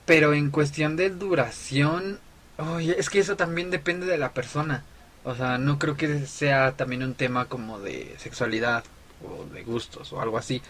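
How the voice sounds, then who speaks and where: A man's voice: on the high side, normal speed, fairly bright tone, a little hiss or hum. A man with a Mexican accent chatting on a podcast, thinking aloud with plenty of fillers. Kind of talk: casual podcast chat.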